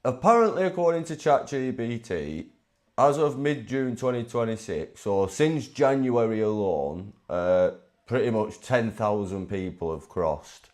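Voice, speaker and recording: A man's voice: medium pitch, expressive, measured pace, darkish tone. A man chatting casually on a live stream, reading out figures and restarting his sentences. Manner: reads out statistics, chatty with restarts.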